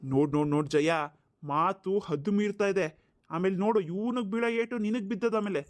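A man's voice: high-pitched, brisk, close to an everyday voice. A man playing a harsh, abusive father in a cartoon, scolding and sneering with mocking laughs. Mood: scornful scolding. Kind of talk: cartoon voice acting.

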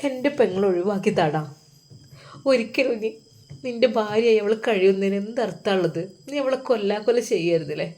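A woman's voice: mid-range voice, moderate pace, a little mellow, close to an everyday voice. A woman voicing an angry older brother who presses bitter, accusing questions, with a Malappuram Malayalam accent.

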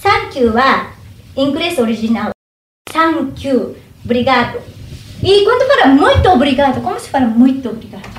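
High-voiced woman teaching phrases. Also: sing-song. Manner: slow careful demonstration of each phrase. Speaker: Japanese teacher. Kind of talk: language lesson. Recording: echoey room, faint hum.

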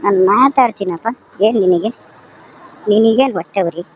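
A man's voice: high voice, moderate pace, slight background noise, pitched above the performer's own voice, lightly acted, poor audio. A man voicing a cheeky talking motorbike that scolds its rider in a comic motovlog sketch. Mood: scolding. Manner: bossy, scolding, talks back.

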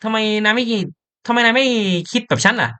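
A man voicing a bossy, nagging young woman in a game, in a high, shrill voice. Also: expressive, quick pace, pushed and bright, smooth, exaggerated voice. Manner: nagging, scolding.

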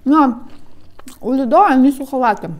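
A woman with a slightly high voice chats to her viewers between bites. Her mouth is full and she keeps chewing as she talks. She is sitting at a home table for a casual food vlog. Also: normal speed. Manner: chatty, explains things to viewers. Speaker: mukbang vlogger. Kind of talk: casual chat while eating.

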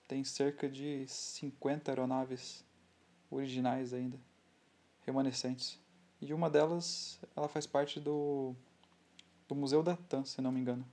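Relaxed, halting Brazilian man, dark voice. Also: medium pitch. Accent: Brazilian Portuguese. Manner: relaxed, halting, with many restarts. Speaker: scale model builder. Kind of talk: hobby tutorial voice-over.

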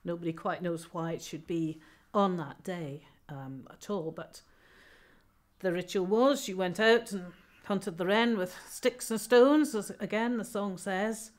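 A woman telling and explaining an old folk story, lively and emphatic, with the odd filler. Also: on the low side, measured pace. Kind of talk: storytelling talk.

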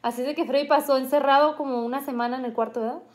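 Higher-voiced woman telling a family story. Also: fairly even intonation, quick pace, darkish tone. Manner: vivid, earnest retelling with frequent restarts. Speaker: interviewee recounting a family illness; mother. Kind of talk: personal storytelling.

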